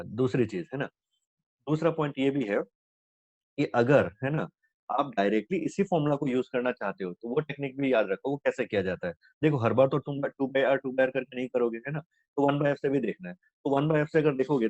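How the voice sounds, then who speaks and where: A man's voice: medium pitch, a little mellow, no echo. A man teaching physics in Hindi mixed with English terms, asking questions and answering them himself and tagging lines with "है ना". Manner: repeats "है ना" constantly, asks and answers own questions. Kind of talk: explaining problems on a board. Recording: dull lo-fi dry recording.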